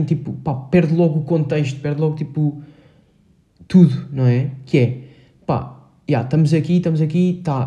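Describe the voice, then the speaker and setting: A teen boy with a Portugal Portuguese accent rambles through his solo podcast, hesitating often and using lots of slang and filler words. His voice sits on the high side with a dark tone, and the recording's highs are cut off.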